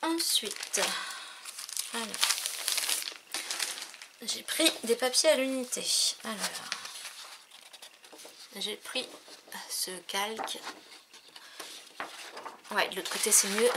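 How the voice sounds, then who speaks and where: Brief: chatty woman filming a craft haul at home on a tripod camera, mid pitch, noisy recording with clicks. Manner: chatty, admiring, trailing off with fillers. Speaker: crafting vlogger. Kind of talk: casual show-and-tell haul.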